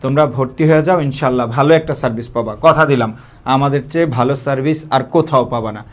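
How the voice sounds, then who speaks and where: Man teaching a lively live grammar class. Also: mid-range voice, quick pace. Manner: repeats key points and quizzes the class; colloquial, mixing in English words.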